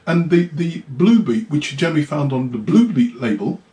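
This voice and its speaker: A guitarist man being interviewed in relaxed chat, rambling and hesitant, sometimes singing rhythms as "da da". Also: on the high side, fairly quick. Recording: roomy echo.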